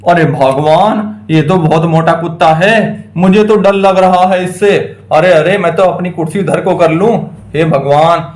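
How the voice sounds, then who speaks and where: A man's voice: high-pitched, unhurried, hardly any pauses, a little mellow, reverberant. A man voicing a nervous village father in a toy doll story, fretful and coaxing.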